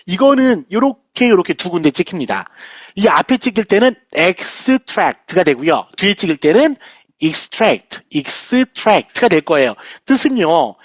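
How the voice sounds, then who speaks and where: A man teaching English vocabulary in a recorded lecture, lively and playful, often addressing his students directly. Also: high-pitched, no room sound. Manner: lively lecturing, frequent "자, 여러분" asides, playful jokes.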